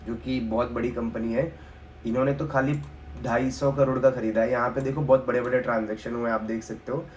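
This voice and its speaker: A man's voice: medium pitch, a little hiss or hum. A man with an Indian accent walking through a stock analysis on screen, talking casually and checking in with his viewers again and again. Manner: casual, explanatory, repeats filler tag often. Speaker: stock market educator.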